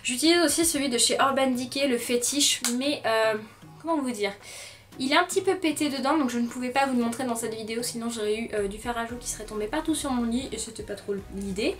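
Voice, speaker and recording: A young woman with a slightly high voice talks about her seasonal favorites in a casual, enthusiastic way, pausing often with little fillers. She is recorded a little away from the microphone, and soft music plays quietly underneath. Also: far from the mic. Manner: chatty, frequent "euh" fillers, gentle and enthusiastic. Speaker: beauty vlogger. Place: bedroom.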